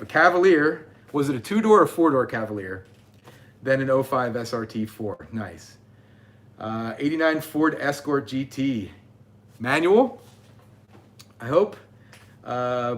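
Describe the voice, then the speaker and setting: A man's voice: mid-range voice, a bit bright. A man in his forties hosting a casual livestream, chatting and reading viewer comments aloud. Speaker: channel host.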